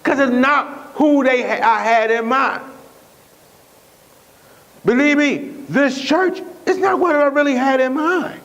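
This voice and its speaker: A man's voice: very high-pitched, slow pace, pauses often, fairly bright tone, lo-fi sound. A male pastor preaching a sermon in a conversational, repetitive way, often restarting his sentences.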